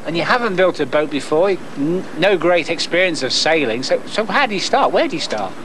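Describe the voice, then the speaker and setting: Lively, playful male TV reporter. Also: on the high side, a little fast, a little hiss or hum, rough recording. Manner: lively, playful, rhythmic delivery. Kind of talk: news feature narration and interviewing.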